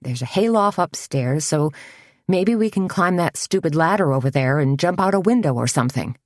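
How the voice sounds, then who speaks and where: A woman voicing Tony, a wisecracking middle-aged woman friend in an audiobook mystery, playful and quick. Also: deep voice, lively intonation, no echo, studio quality. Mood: wry. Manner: wry, exasperated, fiery. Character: feisty middle-aged woman caught in a jam, joking.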